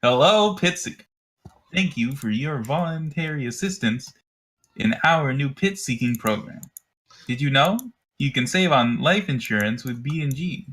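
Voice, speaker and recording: Man doing a tinny-sounding cheery male announcer, higher than his own voice, ad-like. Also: expressive, unhurried, a bit bright. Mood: chirpy. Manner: chirpy advertising tone.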